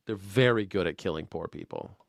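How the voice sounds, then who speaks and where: A man's voice: low voice, brisk, creaky, no room sound, studio quality. Sarcastic, swearing man in his forties. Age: 40s. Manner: sarcastic, profane and rambling, reads chat comments aloud. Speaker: live stream commentary host. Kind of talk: casual political comedy rant.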